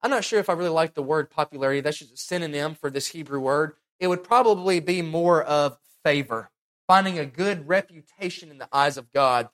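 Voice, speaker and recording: Young preacher teaching Scripture. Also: male voice, on the high side, fairly quick. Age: young adult. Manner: earnest and animated, acts out quotes. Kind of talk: sermon, Bible teaching.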